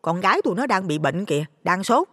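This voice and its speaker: Storybook role: man doing a brisk, high falsetto village mother, blunt and worried, with a long reverb. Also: very animated, a bit bright, clean studio sound, exaggerated voice.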